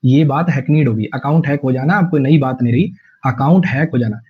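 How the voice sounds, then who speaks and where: A man's voice: medium pitch, fairly quick, slightly rough, highs cut off. A man teaching English vocabulary to students in an online class, repeating words many times and drawling his English example sentences. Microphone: online class stream.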